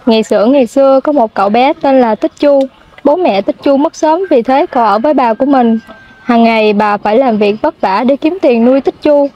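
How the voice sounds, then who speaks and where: Young woman telling an old folk tale, high voice, kinda dull lo-fi audio. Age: 20s. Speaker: storyteller. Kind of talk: reading a folk tale aloud. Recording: dull lo-fi sound.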